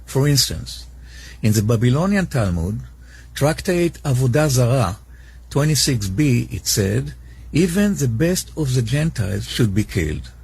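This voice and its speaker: Very husky man from Israel. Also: medium pitch, very animated, a little mellow. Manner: measured, reading out passages. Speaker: speaker in a played video clip. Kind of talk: prepared monologue.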